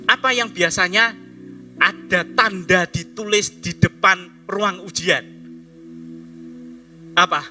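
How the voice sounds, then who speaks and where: A man's voice: high-pitched, slow, long pauses, pushed and bright, soft background music. A man preaching a sermon in a conversational way, talking straight to the congregation and now and then dropping his voice to a near-whisper. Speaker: pastor.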